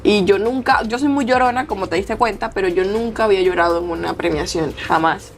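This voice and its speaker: A woman's voice: mid-range voice, a little fast, faint music behind. A young woman with a Colombian accent, a tearful athlete telling stories in an interview and acting out the people she quotes. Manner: expressive, acts out quoted voices. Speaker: athlete guest. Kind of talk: emotional interview storytelling.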